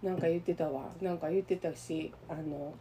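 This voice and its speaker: A woman's voice: low-pitched, moderate pace, slight background noise. A woman with a Kansai accent, co-hosting a radio talk show and telling a story in casual chat, acting out the voices of the people she met. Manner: animated, acts out quoted voices.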